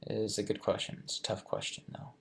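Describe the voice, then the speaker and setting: A man's voice: fairly low pitch, fast, creaky. Laid-back young man answering fan questions. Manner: relaxed, thoughtful, reading questions aloud then answering. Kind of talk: casual live chat.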